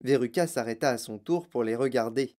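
A woman narrating a children's novel in an expressive storytelling way. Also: extremely low pitch, brisk. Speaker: reader.

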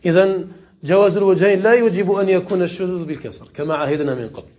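A man teaching Arabic grammar in a classroom lesson, questioning his students and repeating examples slowly. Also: high-pitched, muffled recording. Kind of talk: classroom lesson explaining morphology.

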